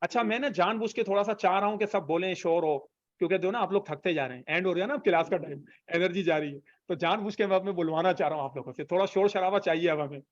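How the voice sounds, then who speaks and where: High-pitched guy teaching an online class, repeats stuff patiently, dry close sound, a bit muffled. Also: dry recording. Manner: patient, drills by repeating phrases. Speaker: Arabic teacher.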